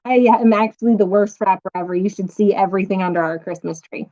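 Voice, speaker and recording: A woman's voice: medium pitch, fairly even intonation, fast, mellow, dry recording, highs cut off. A woman co-hosting a casual live stream chat, playful and teasing.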